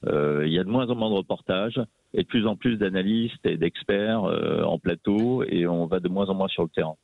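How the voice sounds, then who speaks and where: A man's voice: low-pitched, normal speed, gravelly, no echo, phone-quality sound. A man who works as a documentary journalist, speaking as a guest in a radio debate in a studio, hesitant and full of restarts. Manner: hesitant, many restarts and fillers.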